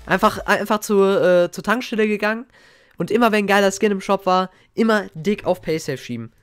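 A young man giving casual, slangy reaction commentary as a gaming YouTuber, excitable and reminiscing. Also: high-pitched, a little fast, smooth, no echo. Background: faint game music.

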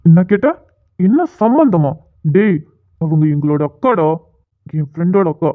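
A bold cartoon schoolboy leads his friends against a grown man, defiant and firm, played by a man. His voice is quite high, and it sounds tinny and phone-like. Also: animated, normal speed. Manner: defiant, reassuring to the sister.

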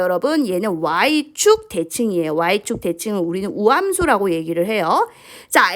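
A woman teaching a high school math lesson, who keeps asking her students questions and prompting them along. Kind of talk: lecture to students.

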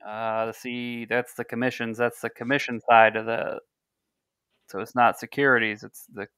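In a clear recording with no echo, a man in his thirties speaks at normal speed in a medium-pitched, a bit bright, clear and resonant voice with flat delivery. He's hosting a podcast over a video call from a room at home on a headset mic, chatting loosely, rambling, and reading news and sponsor copy with small slips.

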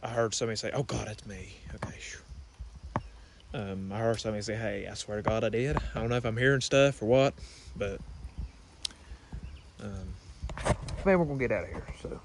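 A young man with a drawl talks in a lowish, unhurried voice, rambling and a bit uneasy. He records himself on a phone at arm's length for a casual vlog. Loud background noise runs under his voice. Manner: rambling, hushed and uneasy outdoors. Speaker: vlogger. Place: outdoors in wooded yard by old house, later indoors. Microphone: phone held at arm's length.

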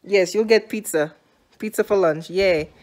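Holding her phone out at arm's length in a small room and hallway of her house, a Jamaican-accented woman in her thirties records a sassy, teasing family vlog. Her mid-range, darkish voice moves a little slowly while she scolds with a dry sense of humor.

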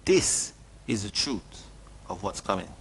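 A middle-aged man delivers a sermon from a small studio desk, reading scripture passages in an earnest voice. He questions his listeners directly and stresses key words by lifting his pitch. He is picked up by a webcam at desk distance. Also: expressive, measured pace, slight background noise. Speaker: preacher.

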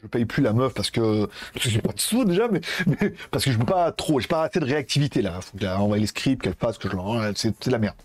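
Lively rambling French tech vlogger. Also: male voice, mid-range voice, fast. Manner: rambling, laughs often, crude slang. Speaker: tech youtuber. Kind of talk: casual chat. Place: Thailand.

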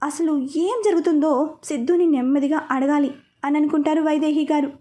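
A woman narrating a serialized story in a steady, even storytelling manner. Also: high-pitched, a little fast.

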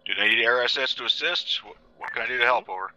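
A man's voice: medium pitch, fast, bright, forceful tone, no echo, lo-fi sound. A man playing a military sim, giving terse radio updates in a clipped, procedural way.

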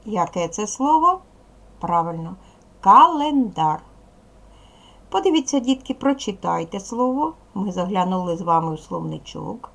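Ukrainian woman, primary teacher, video lesson for kids, gravelly voice, measured instructions. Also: medium pitch, expressive. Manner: slow, clear instructions with frequent pauses. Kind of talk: video lesson for young children.

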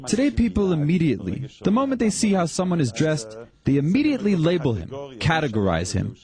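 An older man explains his point in a documentary interview. His pitch swings widely with animation, and he speaks in an explaining way. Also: big pitch swings, a little fast, warm tone.

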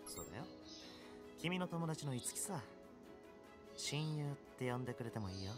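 A cool, self-assured young male game character, played by a man, with a mid-pitched voice. His phrasing is smooth and courteous, with a hint of menace, over faint music. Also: big pitch swings, normal speed, lightly acted. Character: suave, self-assured young male top-ranked gamer, politely menacing. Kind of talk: Japanese anime game voice acting.

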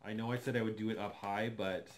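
A man's voice: fairly low pitch, steady tone, fast, slight background noise. Chatty man unboxing a doll at home. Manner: chatty, enthusiastic, thinking aloud while handling a doll. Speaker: doll collector vlogger. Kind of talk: casual unboxing commentary. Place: living room, seated on a sofa.

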